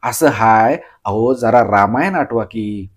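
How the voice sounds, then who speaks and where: Man plays a sly rustic joker, slow and teasing, storybook telling. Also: lowish voice, voice pushed down. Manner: slow, drawling, teasing, throat-clearing. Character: sly joking male villager, slow teasing talker.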